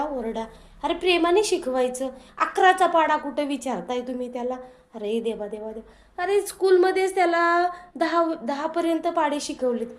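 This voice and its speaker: A woman plays a mother in a comedy skit. She scolds her husband and gently coaxes her child through his lessons. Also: high-pitched.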